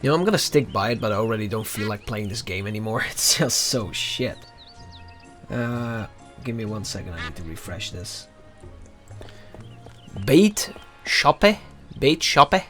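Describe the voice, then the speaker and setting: A man's voice: fairly low pitch, brisk, fairly bright tone, soft background music. A man giving casual, irreverent commentary while playing a game, sarcastic and swearing often.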